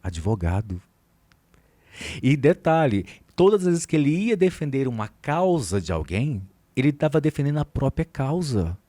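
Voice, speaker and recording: A Brazilian man who works as a psychologist and hypnotherapist, recounting a client case in a podcast interview. His pitch moves in wide, animated swings as he slips into both voices of a dialogue. The recording is dry and close, with no room sound. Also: normal speed, no room sound.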